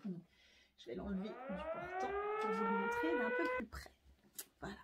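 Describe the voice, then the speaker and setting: A woman's voice: extremely high pitch, huge pitch swings, normal speed, heavy background noise. A French woman talking casually to camera about her sewing, chatty and hesitant, with many fillers. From France. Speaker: sewing vlogger.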